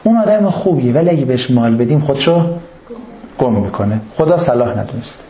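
A man's voice: mid-range voice, expressive, reverberant, dull audio, slight background noise. A man lecturing a classroom, asking questions and joking with his students. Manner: humorous, banters with students.

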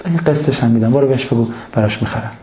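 A man acting out a stern, grumbling middle-aged father in a gruff, bossy way. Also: medium pitch, dark tone, roomy sound, dull audio, slight background noise, pitched below the performer's own voice, close to an everyday voice.

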